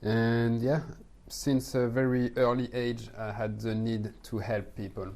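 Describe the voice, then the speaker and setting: A middle-aged French man with a French accent, speaking as a podcast guest in a calm, thoughtful way, sometimes searching for words. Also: medium pitch, a little slow. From France. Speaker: guest, manifestation coach. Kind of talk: podcast conversation.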